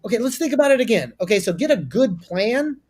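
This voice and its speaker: A man's voice: high voice, sing-song, quick pace, darkish tone. A male guest on a business talk show who gives advice with energy and emphasis, often restarting his sentences.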